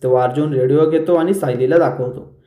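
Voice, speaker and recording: Mellow-voiced man recapping a TV serial. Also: fairly high pitch. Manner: brisk storyteller who briefly lifts his voice for quoted lines. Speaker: serial episode reviewer and host. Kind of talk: retelling a TV serial episode. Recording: roomy echo.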